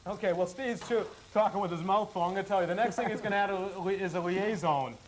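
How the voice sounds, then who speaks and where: Male cooking-show co-host with a high voice and faint background hiss. Upbeat, encouraging, clear step-by-step explanations. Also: fast talker. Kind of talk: cooking demonstration.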